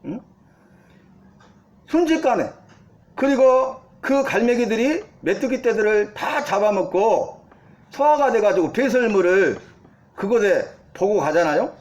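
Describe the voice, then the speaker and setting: A man's voice: sits high, lively intonation, unhurried, long pauses. A man preaching a sermon to his congregation, asking them rhetorical questions and building to emphatic peaks. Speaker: pastor.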